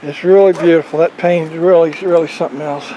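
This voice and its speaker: A man's voice: on the high side, fairly even intonation, fast, dark tone, muffled recording, slight background noise. A man giving a casual, rambling video update on his motorcycle project, talking in a folksy, plain-spoken way outdoors. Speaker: motorcycle vlogger. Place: outdoors on a farm.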